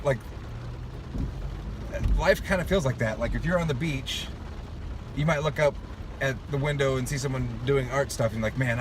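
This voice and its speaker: A man's voice: mid-range voice, background noise. A man chatting casually as host, in a rambling, jokey, self-deprecating way. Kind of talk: casual chat.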